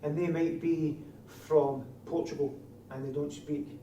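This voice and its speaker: Dark-voiced broad Scottish man, echoey room. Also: a little high, little pitch movement, unhurried. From Scotland. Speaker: trainer of door supervisors. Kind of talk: classroom instruction with questions to trainees. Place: indoor training classroom. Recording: distant mic, echoey room, faint noise.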